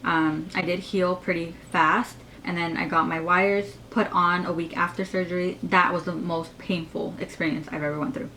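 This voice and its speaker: A woman in her twenties talks through a casual question-and-answer vlog, rambling and full of fillers, with a slight lisp from her braces. Her voice sits on the lower side, and a faint hiss runs underneath. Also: flat delivery, normal speed, few pauses, sharp tone, poor audio. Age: 20s. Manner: chatty, rambling, lots of fillers. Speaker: YouTuber.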